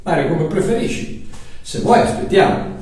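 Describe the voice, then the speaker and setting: A man voicing a calm, loving Jesus who speaks softly and reassuringly, recorded in an echoey hall from a distant mic. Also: a little high, rapid-fire, close to an everyday voice. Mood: gentle.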